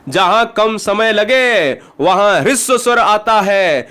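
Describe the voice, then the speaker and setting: A man with a noticeably high voice teaches an exam-prep grammar lesson with a Bihari Hindi accent. He talks straight to his students and keeps checking that they follow with quick rhetorical questions. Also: lively intonation, sharp tone, clear, resonant tone. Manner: addresses students directly, asks rhetorical questions.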